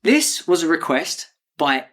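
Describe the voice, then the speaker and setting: A man's voice: a little high, big pitch swings, measured pace, a bit bright. A man hosting a podcast, joking and teasing his co-hosts in casual banter. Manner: joking, teasing, swears freely. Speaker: podcast host.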